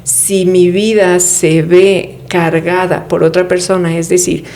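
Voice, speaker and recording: A woman with a lowish, mellow voice speaks as an interview guest. She explains ideas in a calm, reflective way and poses rhetorical questions. A faint hiss sits under her voice. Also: takes it slowly. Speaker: guest speaking on family therapy. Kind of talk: conversational interview.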